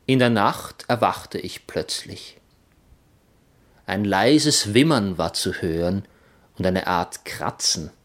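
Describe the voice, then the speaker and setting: Male narrator, children's story, first person, playful, expressive, slow, lively pitch. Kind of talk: reading a children's story aloud.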